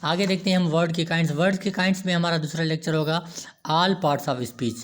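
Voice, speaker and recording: A man's voice: on the high side, fairly even intonation, brisk. A man giving a grammar lecture, repeating himself and answering his own questions as he goes. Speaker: teacher.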